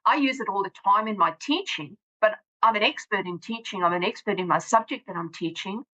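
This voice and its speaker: A South African woman whose first language is Afrikaans speaks with a South African accent as a guest author and teacher in a casual interview. She talks plainly with frequent restarts, her mid-range voice expressive, fairly quick, bright and forceful, on lo-fi sound.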